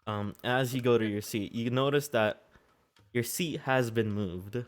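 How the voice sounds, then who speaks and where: A man working as game master, casually narrating a tabletop role-playing game in halting, improvised phrases. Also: mid-range voice. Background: background music.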